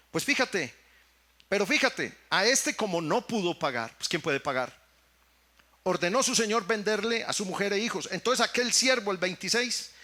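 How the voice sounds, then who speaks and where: Mexican pastor guy preaching, highish voice, keeps repeating himself, calls everyone brother. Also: bright, forceful tone. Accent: Mexican Spanish. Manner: preaching with emphatic repetitions, addressing the congregation as brothers. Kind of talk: sermon.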